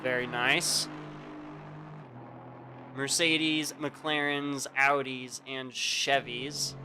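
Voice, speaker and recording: Man, sim racing stream host, casual race commentary, chatty with viewers, home streaming mic, clear car engine noise behind. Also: medium pitch, flat delivery, drawn-out words. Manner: chatty, talks directly to stream chat. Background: racing game engine and track sounds.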